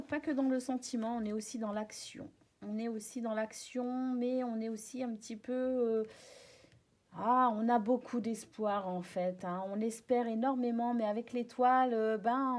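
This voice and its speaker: A woman giving a casual tarot reading, gentle and reassuring, often pausing on fillers. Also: on the high side. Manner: gentle, reassuring, frequent fillers and soft laughs. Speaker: tarot reader.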